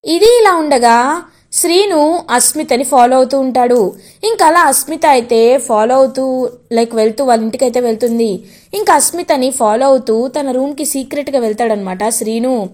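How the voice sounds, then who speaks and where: A woman's voice: high voice, moderate pace. A woman casually retelling a TV serial episode, switching into the characters' lines as she goes. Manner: animated, jumps into voicing each character's lines. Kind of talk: casual storytelling recap with acted dialogue.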